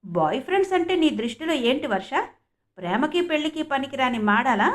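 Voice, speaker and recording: An angry, possessive young man snaps and threatens, loud and sneering, as a woman reads him in an audiobook. The voice sits fairly high and pushes hard. The reading is steady and clean. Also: a little fast.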